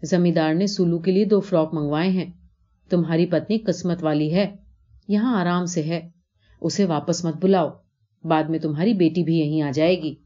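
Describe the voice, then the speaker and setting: A woman's voice: fairly low pitch, fairly even intonation, warm tone, close to an everyday voice. A woman voicing a landlord's servant who talks in a persuasive, matter-of-fact way, on a dull lo-fi recording.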